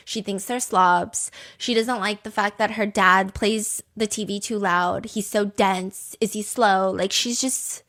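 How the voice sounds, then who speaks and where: A woman hosting a true crime show, retelling a case in animated, indignant casual chat with many "like" fillers and reading text messages aloud. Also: medium pitch. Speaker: true crime podcast host.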